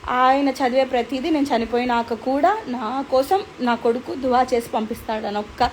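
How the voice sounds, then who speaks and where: Young woman host, Telugu accent, high-pitched, casual earnest chat, phone mic, slight background hum. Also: fairly even intonation, moderate pace, rough recording. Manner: earnest, conversational, with code-switching to English. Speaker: host reading viewer comments.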